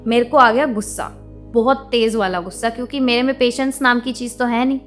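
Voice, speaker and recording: Young woman vlogger, higher voice, outspoken and indignant rant, faint music underneath. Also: fairly even intonation, brisk, a bit bright. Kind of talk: venting monologue to camera.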